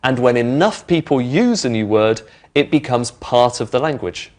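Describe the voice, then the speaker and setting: Man explaining clearly. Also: medium pitch, expressive, moderate pace, darkish tone. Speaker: presenter of an English lesson. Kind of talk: friendly teaching explanation. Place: indoor studio with brick walls.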